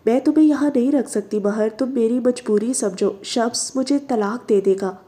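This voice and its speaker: A helpless middle-aged mother pleading in a storybook reading, voiced by a woman narrator. Her voice is fairly high and mellow. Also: moderate pace, close to an everyday voice.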